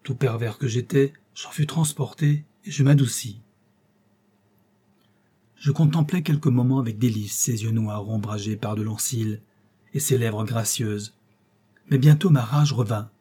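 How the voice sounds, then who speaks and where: A man reading an audiobook aloud in steady, even scripted narration. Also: medium pitch, unhurried, husky. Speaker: audiobook reader.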